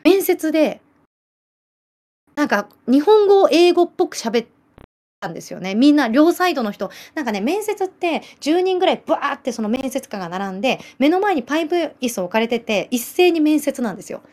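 On her livestream, a late-thirties Japanese woman with a Nagasaki island dialect giggles her way through animated stories and viewer comments. She has a high voice and talks a little fast, keeping the chat casual.

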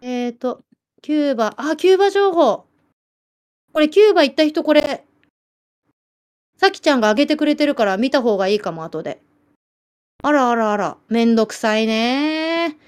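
A woman in her late thirties from Japan hosts a casual livestream in a Nagasaki island dialect, reading viewer comments and telling animated stories punctuated by giggles. Her voice sits high, she keeps a moderate pace, and she pauses often.

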